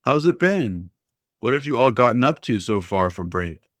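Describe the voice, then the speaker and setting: A man voicing a dignified, gentle grandmother in a raised voice. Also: mid-range voice, big pitch swings, moderate pace, no room sound, pitched above the performer's own voice. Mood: warm, cheerful.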